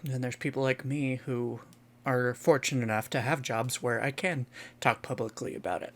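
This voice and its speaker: A man's voice: medium pitch, steady tone, moderate pace, fairly bright tone. A man co-hosting a podcast, explaining things casually with lots of fillers and sassy asides. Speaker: podcast co-host.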